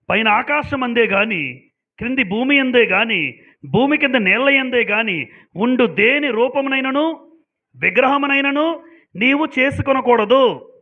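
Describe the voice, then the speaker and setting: A man's voice: very high-pitched, big pitch swings, unhurried, long pauses. A man preaching a sermon to a congregation, emphatic and asking them pointed questions. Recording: dull lo-fi sound.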